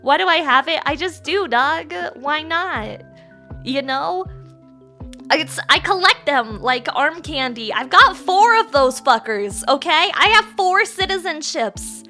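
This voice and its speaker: A woman livestreamer chatting casually and excitably with her viewers in a cute, bubbly anime-streamer manner. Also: high-pitched, takes it slowly, faint music behind. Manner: crude, playful swearing banter. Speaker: live streamer host.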